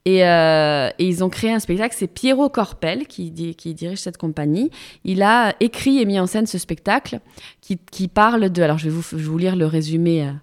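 A woman's voice: lowish voice, fairly quick. A woman in her thirties from France, a radio theatre columnist chatting casually with many fillers and restarts. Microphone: studio microphone.

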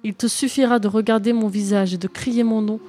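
A woman's voice: medium pitch, steady tone, fairly quick, mellow, close to an everyday voice. Woman doing a young storybook sea princess, scared and begging, lifted voice. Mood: solemn.

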